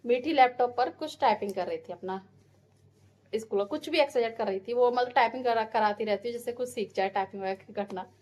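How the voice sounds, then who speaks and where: A woman's voice: a little high, brisk, darkish tone. A woman in her thirties, a mother, talking casually through a family vlog with a homely, advice-giving manner. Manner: chatty, homely, advice-giving, drifting into heartfelt reflection.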